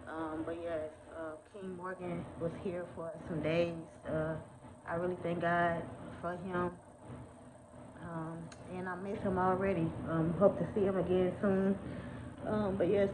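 Chatty woman vlogger, lowish voice, phone at arm's length, clear background noise. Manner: chatty, many ums, says y'all often. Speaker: vlogger, mother of twins. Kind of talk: casual chat to viewers. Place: indoors at home, then outdoors walking. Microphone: phone held at arm's length. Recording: noisy phone recording with ambience.

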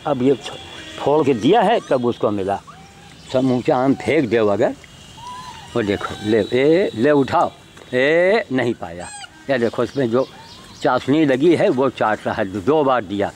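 A man vlogging outdoors while handing out mangoes to animals, coaxing them, shooing them off and chatting to the camera. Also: mid-range voice. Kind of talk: outdoor handheld vlog narration. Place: outdoors, rural spot with animals.

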